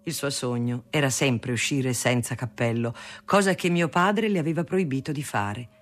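A reader narrating a family memoir aloud in a measured storytelling manner. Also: medium pitch. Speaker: audiobook reader. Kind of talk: reading a memoir novel aloud.

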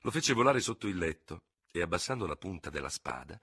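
A man narrating a novel in a dramatic, expressive reading style. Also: low voice, brisk, breathy edge, no echo, clean studio sound. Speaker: audiobook reader.

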